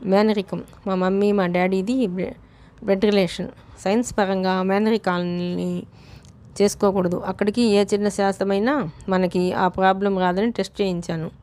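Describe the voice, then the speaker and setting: A woman voicing a young woman who is a troubled, reserved researcher, speaking quietly and in a subdued way. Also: mid-range voice, steady tone, moderate pace, natural voice. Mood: explaining.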